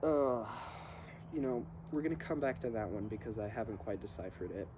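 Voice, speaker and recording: A man reading poems aloud and musing on them in halting short phrases while he smokes a cigar. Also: lowish voice, animated. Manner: smoking a cigar while talking. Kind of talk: slow, musing poetry reading with casual asides. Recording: faint ambient background noise.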